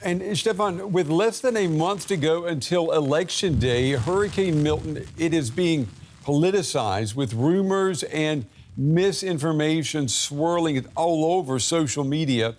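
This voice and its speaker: A man presenting broadcast news as an anchor in a formal, measured style. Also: on the high side, darkish tone, a little hiss or hum.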